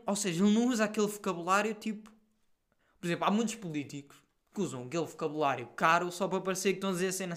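Young European Portuguese male host, casual rambling to camera, a touch high in pitch. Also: fairly bright tone. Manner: slangy, rambling, many fillers. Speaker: podcast host. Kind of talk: casual monologue to viewers.

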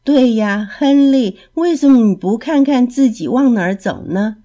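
A woman's voice: a little high, animated, normal speed, warm tone, voice pushed up, lightly acted. A woman voicing a chirpy parrot that repeats what others say in a storybook. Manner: repeats others, sing-song.

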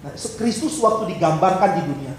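A man's voice: high-pitched, expressive, a little fast. A male pastor preaching a humorous sermon, acting out small dialogues in changed voices. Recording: very echoey hall, faint background hiss.

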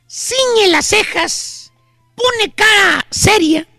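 A Mexican man hosts a radio comedy bit in a very high, bright and forceful voice with a gravelly edge. He races through slangy jokes and mocks his characters loudly, with music faint underneath. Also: lively intonation, dry recording, studio quality. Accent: Mexican Spanish. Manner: rapid slangy banter, mocking and loud. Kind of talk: comic storytelling on a radio show.

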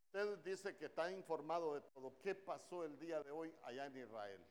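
Fervent male preacher, rising pitch. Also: moderate pace, slight background noise. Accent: Honduran Spanish. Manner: animated, questioning the congregation. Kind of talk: sermon. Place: church.

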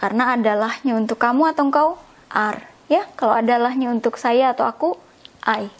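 A woman's voice: fairly high pitch, brisk. A woman teaching a language lesson, patiently explaining and repeating words, often checking in with a questioning "ya?". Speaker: English teacher.

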